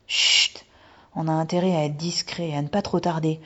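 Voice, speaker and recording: A woman's voice: low-pitched, fairly even intonation, fast talker, mellow. A woman voicing a nervous young boy who stammers while acting brave, in a storybook reading. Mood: hushed. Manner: stammering, jittery. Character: nervous boy putting on bravado. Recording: dull lo-fi recording.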